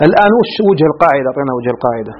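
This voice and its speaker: A man teaching an Arabic grammar lesson, drawing out key words slowly and often asking the class whether it is clear. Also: medium pitch, expressive, noisy background. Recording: dull lo-fi recording.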